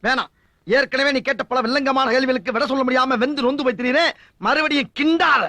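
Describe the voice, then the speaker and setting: A shrill, flustered bumbling man. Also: steady tone, sharp tone, no room sound, exaggerated voice. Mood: aggrieved. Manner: jittery comic blustering, rapid yelps. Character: bumbling, excitable man fumbling excuses. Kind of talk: comic film acting.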